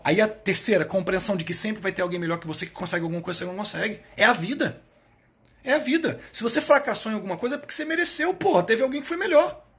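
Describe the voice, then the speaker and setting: A middle-aged man with a fairly high voice talks on a live stream in a blunt, emphatic way. He hammers his points by repeating them and drops casual swear words. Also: fairly bright tone. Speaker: live stream host, therapist coach.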